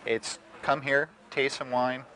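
A winery owner being interviewed, speaking in a relaxed and proud way with frequent fillers. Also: male voice, mid-range voice, measured pace, poor audio. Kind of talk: casual interview. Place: outdoors at a winery.

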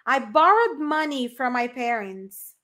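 A woman teaching English in a live online lesson, chatting energetically and then saying model phrases slowly for students to repeat. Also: sits high, very animated, sharp tone.

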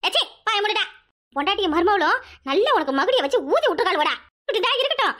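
A high voice playing a bitter widowed elder sister. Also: big pitch swings, quick pace, exaggerated voice. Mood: scornful. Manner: sharp, scornful.

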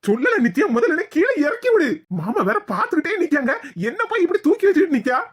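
A woman voicing a flustered, anxious young husband in an animated cartoon, pleading fussily with a Kanyakumari Tamil accent. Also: very high-pitched, fast, slight background noise. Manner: pleading, fussy.

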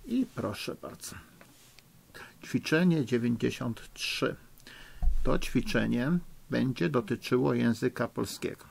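A middle-aged man teaching children in a recorded lesson, slow, patient and encouraging, spelling out rules. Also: medium pitch, animated, gravelly, breathy edge. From Poland. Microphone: recording for a lesson video.

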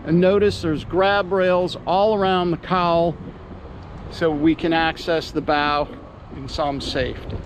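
A man's voice: fairly even intonation, slow, slight background noise. A man giving an upbeat salesman's walkthrough tour of a boat, outdoors at a marina. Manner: upbeat salesman pitch, pointing out features.

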